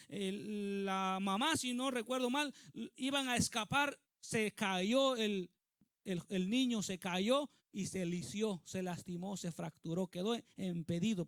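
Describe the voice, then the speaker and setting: A man's voice: sits high, a bit bright, dry recording, clean studio sound. A male pastor preaching a sermon with emphasis, often putting questions to the congregation.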